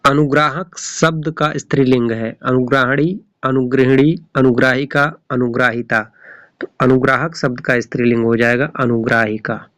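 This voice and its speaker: A man's voice: medium pitch, steady tone, moderate pace, a bit bright, no echo. A man tutoring for a Hindi exam, reading each question and its options aloud, then repeating the right answer.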